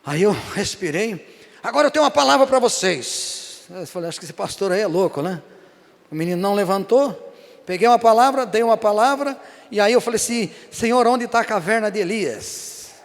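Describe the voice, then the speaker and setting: Brazilian pastor, man, high-pitched, animated storyteller, church reverb. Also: fairly quick, vocal fry. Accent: Brazilian Portuguese. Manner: animated storytelling, frequent "amém?" to the congregation. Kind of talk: sermon. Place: church service.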